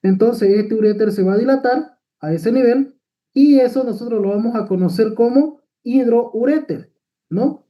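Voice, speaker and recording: A man's voice: very high voice, normal speed, dark tone. A man giving a medical lecture over slides, explaining step by step with frequent tag questions and fillers.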